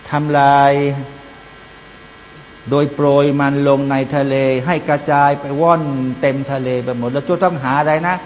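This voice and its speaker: Here the preacher speaks on the high side, in a steady tone and a little slowly. He chants verses in Arabic, then explains them plainly as part of his Quran commentary, calling the audience brothers and sisters, with long hall reverb and faint mains hum.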